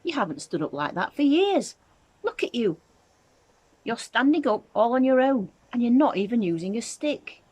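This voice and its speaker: A woman's voice: a little high, big pitch swings, normal speed, darkish tone, dry recording, voice pushed up. A woman reading a children's storybook, voicing an eager, anxious young grandson in urgent exclamations. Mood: amazed.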